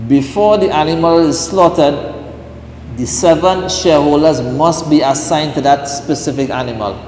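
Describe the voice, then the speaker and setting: A man's voice: a little high, darkish tone. A man, a mufti, teaching Islamic law in a lecture class, who keeps checking his listeners with "right?" and "what?". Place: mosque hall. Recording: roomy hall echo, faint hiss.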